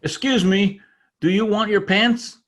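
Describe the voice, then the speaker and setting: Here a man takes on the role of an excitable, proud immigrant tradesman in an old-time radio comedy, his husky voice sitting high. He speaks earnest, halting English with a foreign accent and sounds obliging, over slight background noise.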